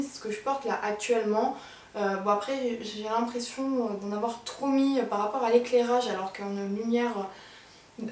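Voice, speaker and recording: A woman beauty vlogger chatting casually and enthusiastically about her monthly favorite products, pausing often with fillers. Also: a little high. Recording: roomy sound from a distance.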